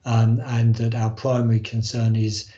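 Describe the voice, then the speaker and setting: A man's voice: mid-range voice, monotone, measured pace, warm tone. A man chairing a formal board meeting on a video call, speaking with frequent hesitant ums. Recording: muffled, roomy video call audio.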